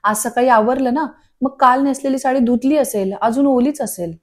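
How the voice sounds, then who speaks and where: A woman's voice: high voice, normal speed, close to an everyday voice. A woman voicing a fussy, clumsy, melodramatic middle-aged mother who drags out her words.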